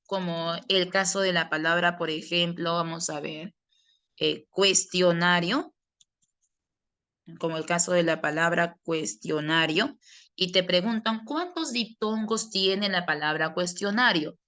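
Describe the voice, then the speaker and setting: A woman's voice: on the low side, measured pace, pushed and bright. A woman teaching a grammar class. She explains patiently and answers questions she poses in her students' voices. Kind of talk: online class lecture.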